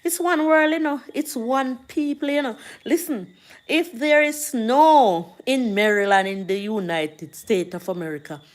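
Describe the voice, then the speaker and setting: On a relaxed livestream, a Jamaican woman whose voice sits on the high side talks with her viewers and reads out their comments in a slow, sermonizing manner.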